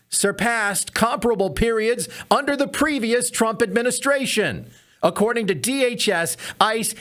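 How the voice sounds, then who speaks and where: High-voiced guy ranting on his podcast, sarcastic, swings up and down a lot. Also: a bit bright. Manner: indignant, mocking, rhetorical questions. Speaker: comedy podcast host. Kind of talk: sarcastic political commentary.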